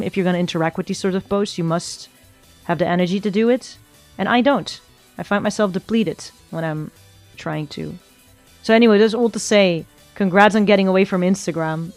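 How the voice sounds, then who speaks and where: A virtual streamer whose first language is Flemish Dutch chats casually while drawing and answering chat. Her fairly low voice rambles as she thinks aloud, often correcting herself.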